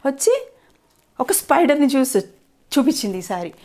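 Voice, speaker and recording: A woman, a mother, telling a children's story in a playful, sing-song, animated way. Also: sits high, normal speed.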